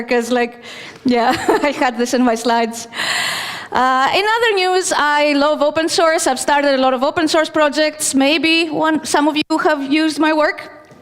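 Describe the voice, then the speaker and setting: Conference speaker, woman from Greece, thirties, casual and self-deprecating, stage mic in a reverberant hall. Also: high voice. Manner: chatty, self-deprecating, with fillers. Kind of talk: technical conference talk. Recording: long reverb of a large hall.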